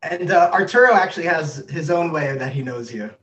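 High-voiced man hosting a casual interview. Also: animated, brisk, a bit bright, highs cut off. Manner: informal, chatty. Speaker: interview host.

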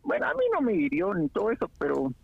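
A man's voice: sits high, huge pitch swings, fast, gravelly, breathy edge, dry recording. Fields: Sex: man. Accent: Guatemalan Spanish. Role: radio co-host. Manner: reflective storyteller in casual chat. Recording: dull lo-fi radio.

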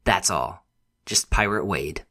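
A man's voice: sits low, lively intonation, slow, pushed and bright. A man co-hosting a film podcast, chatting casually and thoughtfully, with laughs and hesitations. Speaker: podcast co-host.

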